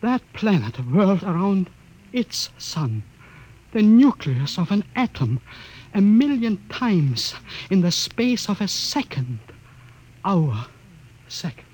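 An actor playing a solemn, grieving scientist father in 1950s radio style, with deliberate dramatic pauses. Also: sits high, sing-song, a little mellow, full character voice, poor audio. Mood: solemn awe. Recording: hissy old radio broadcast disc.

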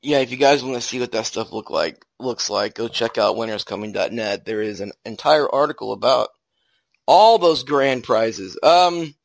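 A man's voice: mid-range voice, normal speed, vocal fry, no echo. A man hosting a podcast, chatting casually with a co-host.

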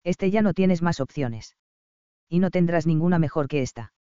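A man's voice: a little high, moderate pace, dark tone, smooth, no echo, muffled recording, close to an everyday voice. A man voicing a blunt, nosy young woman friend in an audiobook. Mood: brash.

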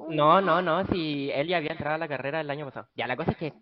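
Young Chilean man, animated storyteller. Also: on the high side, rapid-fire, highs cut off, over a noisy crowd. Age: young adult. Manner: animated storyteller acting out dialogue. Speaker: podcast guest. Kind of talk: casual chat.

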